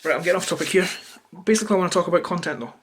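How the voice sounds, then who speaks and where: Scottish man, high-pitched voice, irritated and opinionated, rambling, sweary, unscripted vlog rant, close to the camera. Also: lively intonation, racing, a bit bright, slightly rough. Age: adult, parent of a toddler. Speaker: YouTuber. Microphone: camera held or placed close to him.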